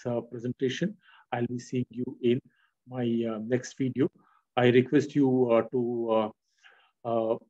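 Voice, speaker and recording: A man giving a screen-recorded software lesson, explaining step by step with frequent "uh" and "right?" checks. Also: medium pitch, husky, highs cut off. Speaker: software tutorial instructor.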